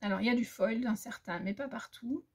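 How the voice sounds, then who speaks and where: Gravelly, husky woman chatting. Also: fairly high pitch, fairly quick. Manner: hesitant, many fillers and restarts. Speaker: crafting vlogger. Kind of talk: casual haul chat. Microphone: phone.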